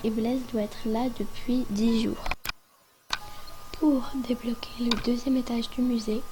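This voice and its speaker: Slightly high, even-toned woman with a hoarse voice. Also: measured pace, noisy background. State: hoarse from being sick. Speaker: video creator presenting a game guide. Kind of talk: tutorial voice-over. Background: background music.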